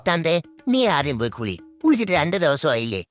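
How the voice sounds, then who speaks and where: A man's voice: fairly high pitch, big pitch swings, fast, faint music behind. A man voicing the inner thoughts of a cheeky, scheming toddler boy, confiding mischievously to viewers in a comic voice-over.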